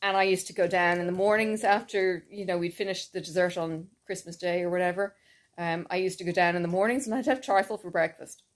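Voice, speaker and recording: A woman's voice: lowish voice, steady tone, brisk. A woman chatting in a casual, rambling way and laughing often as she talks. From Ireland. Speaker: cross-stitch vlogger. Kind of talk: casual chat.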